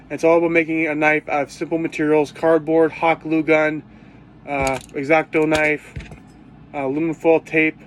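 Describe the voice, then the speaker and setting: A cosplay vlogger with a sore throat speaks low and quietly through a casual vlog, his voice a bit high for a man. He rambles, restarts, and searches for words with plenty of fillers, while a faint background hum runs underneath.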